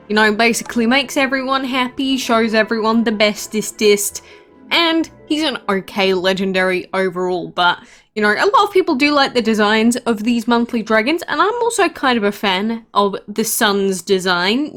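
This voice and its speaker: A woman's voice: a little high, fairly bright tone. A woman hosting a casual gameplay commentary, chatting about her game with frequent asides and fillers. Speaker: game channel host.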